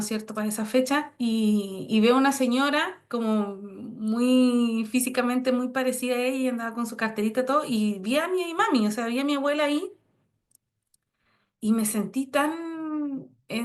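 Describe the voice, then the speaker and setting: A woman, giving an online psychology lecture in a conversational way and often checking in with her listeners. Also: a little high. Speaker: course instructor, psychologist.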